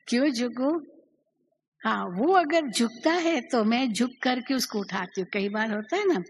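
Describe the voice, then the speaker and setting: A woman gives a spiritual class at a very slow, deliberate pace, her voice sitting somewhat high. She keeps asking her listeners questions and acts out the quoted lines as she teaches. A faint hum of ambience sits under her voice. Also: low-quality recording.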